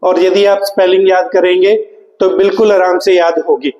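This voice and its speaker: A man's voice: high-pitched, little pitch movement, normal speed, darkish tone, roomy sound, long reverb tail, lo-fi sound. A man teaching English spelling to exam students, spelling words out letter by letter and asking the class questions he then answers himself. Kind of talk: exam prep lecture.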